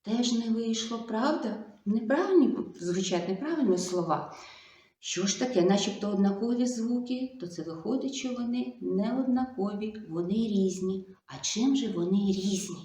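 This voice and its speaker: Kindergarten speech teacher, woman, gentle coaxing sing-song delivery, mid pitch, roomy echo on the recording. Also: animated. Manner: slow, sing-song and coaxing, full of diminutives. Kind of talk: video lesson for young children. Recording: echoey room.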